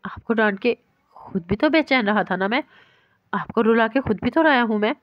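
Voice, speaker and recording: A woman voicing a tender young man who speaks softly and coaxingly on the phone, in a dry, slightly dull recording. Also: on the high side, animated, dry recording, natural voice.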